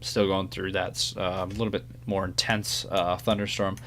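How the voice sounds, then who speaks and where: A man's voice: low voice, flat delivery, normal speed, a bit bright. A man hosting live severe weather coverage, giving casual, unscripted updates. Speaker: severe weather livestream host. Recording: faint background hum.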